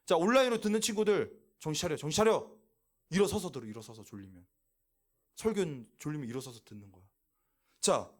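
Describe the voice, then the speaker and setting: Male youth pastor, animated sermon style, bright and high-pitched delivery. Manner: animated, asks the audience questions and answers them. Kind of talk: sermon to teenagers. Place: church youth service, also streamed online.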